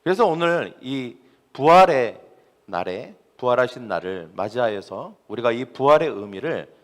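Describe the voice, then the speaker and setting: A man's voice: mid-range voice, expressive, moderate pace. A man pastor preaching a sermon in a church, acting out voices and calling for responses from the congregation. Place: church sanctuary. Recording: long reverb of a church hall.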